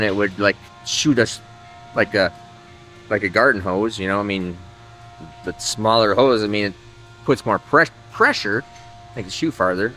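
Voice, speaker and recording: Music plays behind a male workshop host whose voice is slightly low with a fairly bright tone. Running an engine-building channel, he talks shop casually with viewers from the engine workshop, rambling, thinking aloud and often trailing off mid-sentence.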